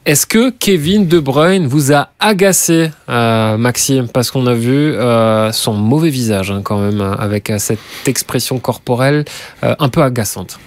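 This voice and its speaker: A man's voice: medium pitch, unhurried. A man hosting a football discussion and putting questions to the panel. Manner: leads the debate, asks questions. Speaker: show host. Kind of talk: studio sports discussion.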